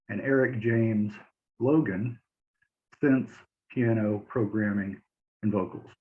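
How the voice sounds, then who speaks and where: A man in his forties hosting an interview show over a video call, friendly and a bit halting. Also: medium pitch. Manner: friendly, halting, laughs easily. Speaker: podcast host. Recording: tinny phone-like line.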